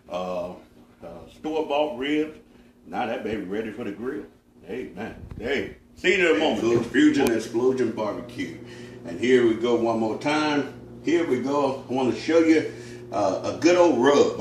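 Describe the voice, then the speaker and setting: Folksy man, echoey distant sound. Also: mid-range voice. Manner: folksy, homespun talk with many fillers. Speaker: pitmaster. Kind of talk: casual cooking demonstration. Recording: echoey room, mic at a distance, faint noise.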